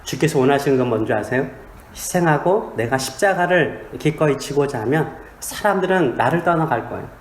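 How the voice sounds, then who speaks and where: Korean pastor preaching in an echoey church. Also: male voice, mid-range voice, animated, brisk, a little hiss or hum. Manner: humorous, storytelling, asks the congregation questions. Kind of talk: sermon. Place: small church.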